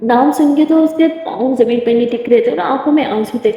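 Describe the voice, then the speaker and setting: Woman narrator, casual story retelling, loose tagging, high voice, echoey lo-fi room. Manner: rapid, loose "she says" tagging, restarts. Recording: echoey room, long reverb, dull lo-fi sound.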